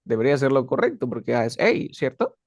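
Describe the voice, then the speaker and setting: A man's voice: medium pitch, very animated, fast, dry recording, clean studio sound. A man teaching an English lesson in a patient, casual way, often checking that he is understood.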